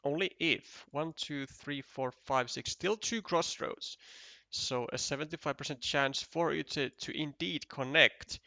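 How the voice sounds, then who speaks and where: A man's voice: a little high, measured pace, bright, forceful tone, dry recording. A man commentating a competitive board game match, thinking aloud, counting tiles and often restarting his sentences. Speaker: esports commentator.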